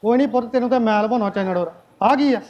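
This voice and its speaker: A man's voice: very high-pitched, rapid-fire, darkish tone, highs cut off, faint music behind. A man playing a swaggering cop. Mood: bossy. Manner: threatening, swaggering. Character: bossy male policeman claiming to be CID. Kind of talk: comedy sketch acting.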